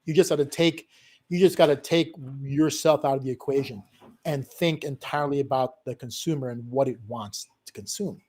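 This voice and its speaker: A middle-aged digital marketing consultant from a Filipino family talks animatedly and emphatically on a live business stream, tagging his points with "okay?" and "right?" and laughing often. His voice is mid-range at a normal speed.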